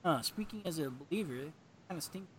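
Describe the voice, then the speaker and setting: High-voiced man joking through a game. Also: expressive, a little fast, a bit bright, slight background noise. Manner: joking, reads dialogue aloud. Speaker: co-host watching a game. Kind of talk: casual commentary.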